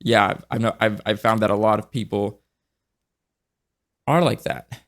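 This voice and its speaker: A man hosting a casual interview podcast, speaking low with a gravelly edge. His delivery stays fairly flat, and he is earnest and reflective, often restarting his thoughts mid-sentence. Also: a little slow. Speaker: podcast host.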